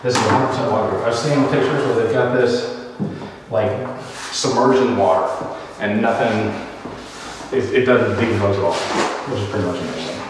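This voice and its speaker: In an echoey, empty house still being built, a vlogger with a lowish voice talks at normal speed about construction and flooring. The recording is very noisy and the mic is distant, while he rambles casually and makes jokes.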